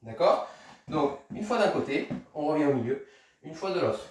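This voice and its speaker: Slightly high and expressive, the man's voice keeps a moderate pace and has a somewhat mellow quality. As an upbeat instructor, he demonstrates exercises on the move, counting reps out loud and encouraging the kids in a home tennis workout. The sound is distant and reverberant.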